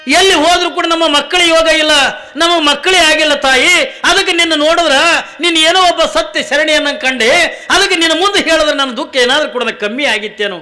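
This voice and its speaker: Grieving childless village wife, as a man preacher puts her on, tearful pleading, high bright voice. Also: a little fast, faint music behind.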